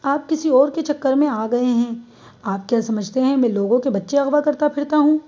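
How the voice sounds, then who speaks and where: A woman's voice: sits high, dark tone, natural voice. Woman reading a defiant young landowner's son. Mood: indignant. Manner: sarcastic, indignant. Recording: dull lo-fi.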